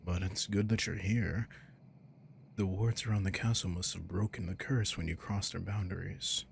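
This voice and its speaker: Playing a commanding but caring male vampire king in an intimate roleplay audio, a man speaks in a casual, teasing, protective manner that sounds gentle and concerned. His voice is deep with vocal fry and fairly even intonation at normal speed, with a little hiss or hum.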